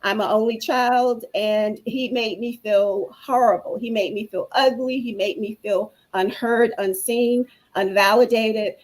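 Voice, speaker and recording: A woman's voice: a little high, steady tone, measured pace, few pauses, rough recording. A woman guest on a talk show telling her own story in an earnest, preacherly way. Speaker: guest speaker. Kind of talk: personal testimony on a talk show.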